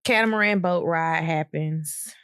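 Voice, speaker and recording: A woman co-hosting a podcast, recapping a reality TV episode in casual chat, laughing often and filling pauses with "um.". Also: low voice, clear, resonant tone, no echo, clean studio sound. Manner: laughs often, many ums, relaxed storytelling. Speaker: podcast co-host.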